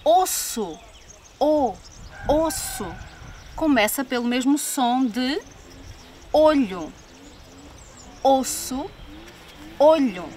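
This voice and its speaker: Woman, European Portuguese accent, children's phonics teacher, high voice, a bit off-mic with faint hiss. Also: expressive, very slow, pauses often, a little mellow, far from the mic. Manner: sounds out each first sound and repeats word pairs. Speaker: library storyteller leading a children's sound game. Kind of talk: slow, clear phonics lesson for young children. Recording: faint noise, voice a little off-mic.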